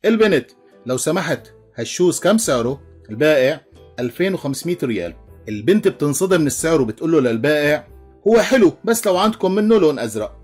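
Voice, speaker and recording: A man with a Levantine Arabic accent tells joke after joke at a brisk clip, his voice sitting a little high for a man. He jumps into quick character voices for the punchlines and chuckles along. Soft music plays faintly underneath. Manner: animated storytelling, switches into character voices, chuckles. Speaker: joke teller.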